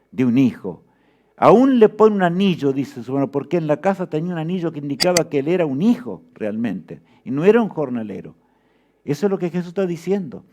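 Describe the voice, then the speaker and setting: Fervent male preacher, slightly high voice. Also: darkish tone. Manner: fervent, asks the listeners rhetorical questions. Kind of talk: sermon.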